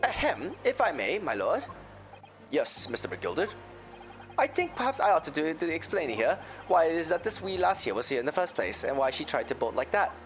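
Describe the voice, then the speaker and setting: A man's voice: fairly high pitch, big pitch swings, a little fast, faint music behind. A man voicing a folksy, genial Irish moneylender in a courtroom game, with an Irish accent and a theatrical lilt. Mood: deferential, folksy. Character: folksy, smooth-talking Irish moneylender, genial male witness. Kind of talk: voiced reading of game dialogue.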